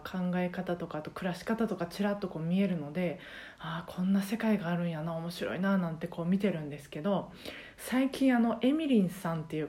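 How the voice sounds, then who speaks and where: A woman's voice: fairly low pitch, mellow. A woman with a Kansai accent, a karaoke teacher talking casually and at length on her own podcast, rambling with many fillers. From Japan. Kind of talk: casual solo podcast chat.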